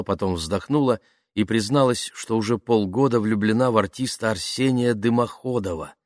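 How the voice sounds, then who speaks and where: Male narrator, lowish voice, dry close recording, calm reading. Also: no room sound. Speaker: audiobook narrator. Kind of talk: scripted narration.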